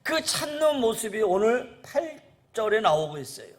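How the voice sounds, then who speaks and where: A man's voice: high voice, big pitch swings, moderate pace. A male pastor preaching a sermon to his congregation, earnest and repetitive, often calling out to the listeners and reading scripture aloud. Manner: earnest preaching, repeats "라는 거예요" endings; addresses the congregation as "여러분".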